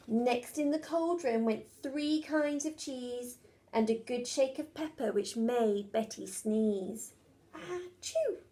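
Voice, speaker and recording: A woman's voice: fairly high pitch, warm tone. A woman teacher reading a rhyming children's storybook aloud in a rhythmic, sing-song way.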